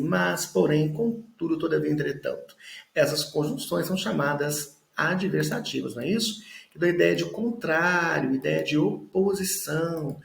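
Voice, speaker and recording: A man's voice: high voice, gravelly. A male teacher explaining exam questions step by step, often checking in with the listener. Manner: explains step by step, tags lines with "né?". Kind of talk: exam-prep lesson. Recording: echoey room.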